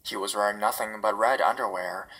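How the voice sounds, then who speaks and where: A man reading first-person horror stories in a steady, measured scripted narration. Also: on the low side, breathy edge, poor audio.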